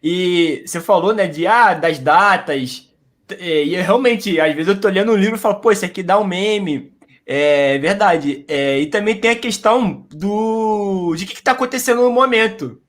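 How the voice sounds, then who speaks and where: A man, a guest explaining how he makes history memes. His voice sits high for a man. He answers in an easygoing, slangy way. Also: moderate pace. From Belford Roxo, Brazil. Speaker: guest, history meme creator. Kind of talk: casual interview answers.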